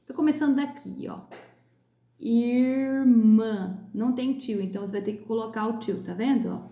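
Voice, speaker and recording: A woman from Brazil teaching young pupils in a recorded class lesson, sounding out words slowly and clearly. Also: on the high side, dark tone, reverberant. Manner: slow, clear, drawn-out pronunciation of sounds. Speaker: primary school teacher.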